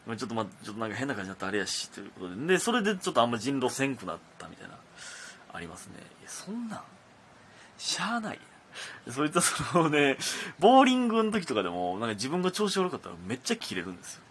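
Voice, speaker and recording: A young man with a Kansai Japanese accent, a comedian by profession, hosts a relaxed solo radio talk at a racing pace in a medium-pitched voice. Slight background noise accompanies his animated, rambling, filler-heavy delivery.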